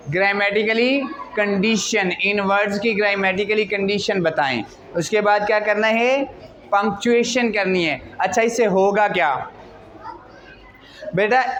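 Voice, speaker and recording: A man's voice: high voice, a bit bright. A man teaching an English lesson in a classroom. He speaks with a flavor, keeps asking the class questions and calls the students "beta". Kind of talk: classroom lecture. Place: school classroom. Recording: noisy classroom with crowd chatter.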